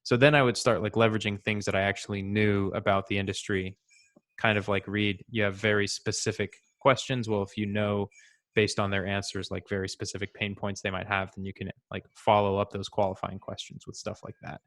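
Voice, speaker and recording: A man with a fairly low voice talks shop in easy, loose conversation. He rambles comfortably, peppering his sentences with fillers as he explains how he handled tough calls. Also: brisk. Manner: relaxed, chatty, many "like" fillers. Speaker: former sales rep sharing advice. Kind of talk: casual group call.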